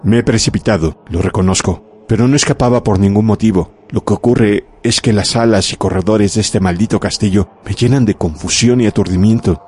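A man voicing a hot-tempered gentleman, earnest and hurried, in a horror audiobook. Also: on the low side, husky.

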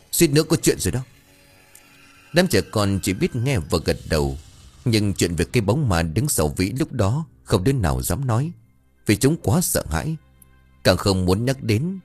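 A man narrating a ghost story with dramatic, expressive storytelling. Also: on the low side. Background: faint music.

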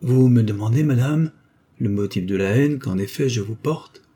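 A man's voice: medium pitch, moderate pace, mellow, natural voice. A man reading the part of a proud, scornful young former governess, with a cold, ironic, cutting delivery. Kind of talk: audiobook dialogue reading.

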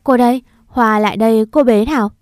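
A woman's voice: a little high, fairly quick, a little mellow, no echo, studio quality, natural voice. A woman voicing a caring but stern young aunt who scolds and questions children.

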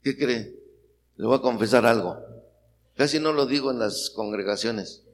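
A man's voice: mid-range voice, normal speed. A middle-aged Mexican man preaching a sermon, rousing the congregation with questions, in a Mexican Spanish accent. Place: church hall. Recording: long hall reverb, faint noise.

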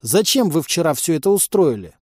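A man voicing an indignant, excitable young male companion in an audiobook. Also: on the high side, a little fast, slightly rough, no echo, studio quality, pitched above the performer's own voice.

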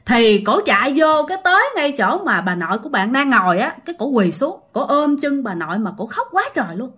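Chatty Southern Vietnamese woman narrating a ghost story, bright, forward voice. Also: fairly high pitch, sing-song, brisk, husky. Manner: chatty, addresses listeners directly.

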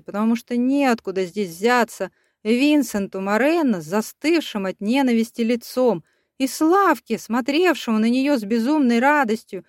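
A woman narrating an audiobook in a steady, expressive reading voice. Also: a little high, no room sound, clean studio sound.

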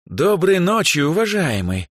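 A man voicing a bold, teasing young noblewoman in an audiobook, in an ironic, cheeky way and a much higher voice. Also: big pitch swings, measured pace, dry recording, clean studio sound, heavily acted. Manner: ironic, cheeky, sharply raised voice.

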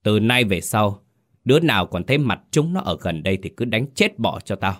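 A heartless old landlord, voiced by a male narrator with a very deep, low voice. He speaks slowly and coldly, every word a threat, in a spoken ghost story. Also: big pitch swings, a bit bright. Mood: cold command. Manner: cold, slow, threatening. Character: cruel wealthy old village landlord, cold and menacing.

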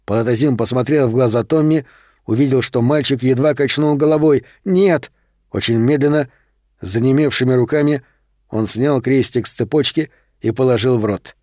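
Male audiobook narrator, mid-pitched voice, steady measured reading, dry close recording. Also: no echo. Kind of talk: scripted horror novel narration.

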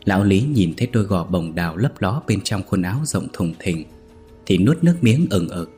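Man, ghost story narrator, low voice, steady reading, faint music. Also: moderate pace.

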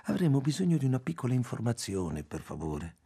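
A man's voice: mid-range voice, very animated, fairly quick, mellow, breathy edge, exaggerated voice. A man reading aloud as a haughty young woman putting on the airs of a grand lady. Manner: haughty, disdainful.

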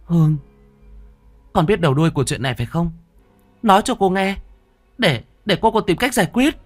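A man voicing a frantic middle-aged mother in a ghost story, shrill, pleading and scolding. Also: animated, a little fast, soft background music. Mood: demanding. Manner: shrill, pleading, then cursing. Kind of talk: storybook character voice.

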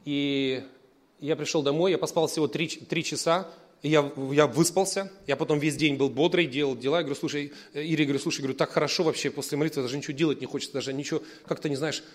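A man preaching a sermon as pastor, telling stories in a lively way, with loud emphatic bursts and quiet asides. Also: fairly high pitch, quick pace.

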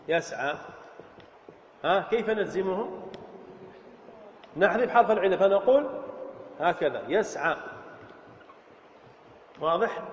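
A man's voice: high-pitched, a little hiss or hum. A man teaching an Arabic grammar lesson as a sheikh, explaining step by step and quizzing his students with questions. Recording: echoey hall, dull lo-fi sound.

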